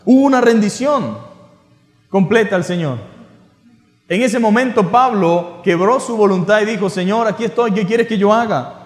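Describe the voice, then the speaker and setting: A Venezuelan pastor preaching with a fairly high voice, pressing his listeners with one rhetorical question after another. His voice rings through an echoey church hall with a long reverb tail. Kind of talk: sermon.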